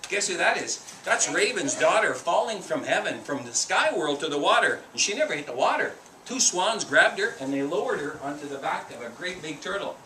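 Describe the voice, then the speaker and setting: A male author reads his picture book aloud to children, animated and asking them questions. His voice is bright and slightly high, with a lively pitch. He is picked up from a distance in a roomy school room. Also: a little fast, hardly any pauses, slight background noise. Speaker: author and storyteller.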